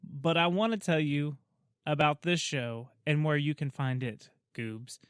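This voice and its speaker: A man's voice: fairly high pitch, unhurried, a bit bright, clear, resonant tone, no echo, clean studio sound. A man co-hosting a podcast in casual, self-deprecating chat, laughing often. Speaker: podcast co-host.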